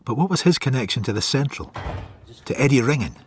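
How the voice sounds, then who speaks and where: An actor playing a wry, stubborn maverick detective inspector with a Scottish accent and a dry, sardonic manner in a radio drama. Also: male voice, medium pitch, expressive, fast talker, slight background noise, natural voice. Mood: brooding. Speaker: lead actor and narrator. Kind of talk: radio drama acting and first-person narration.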